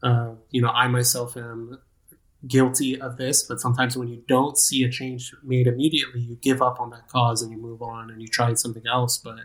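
A man's voice: medium pitch, monotone, normal speed, a bit bright. A man in his thirties talks as a podcast guest, loose and conversational. He rambles and restarts often, poking fun at himself along the way. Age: 30s. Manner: rambling, self-deprecating, frequent restarts. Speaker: guest, nonprofit program manager. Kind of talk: casual interview chat.

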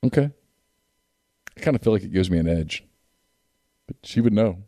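A man's voice: fairly low pitch, expressive, normal speed, dark tone, no room sound, studio quality. A man chatting casually as the host of a call-in show. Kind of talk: casual chat.

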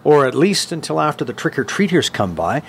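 A male news reporter reading a light feature story, his pitch moving in a lively way. He plays up the puns in his delivery. Faint ambience sits behind him. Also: fairly quick, creaky, slight background noise. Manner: punny, playful narration. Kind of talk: scripted news report voice-over.

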